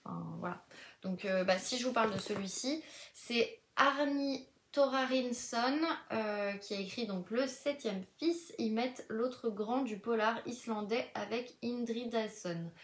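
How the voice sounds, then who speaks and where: A woman's voice: fairly high pitch, measured pace. A woman, a book vlogger chatting casually with many fillers and restarts, sometimes reading blurbs aloud. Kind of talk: casual chat, reading back covers aloud.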